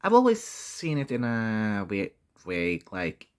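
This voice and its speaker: Male vlogger, lowish voice, very unhurried and halting, candid casual talk with mild profanity. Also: huge pitch swings, clean tone. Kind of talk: casual personal vlog.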